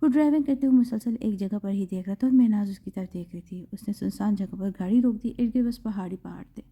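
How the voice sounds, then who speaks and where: A woman's voice: medium pitch, mellow, breathy edge. Woman narrating a dramatic audio novel. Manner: dramatic storytelling. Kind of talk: scripted narration of a romance novel. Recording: slightly dull lo-fi recording.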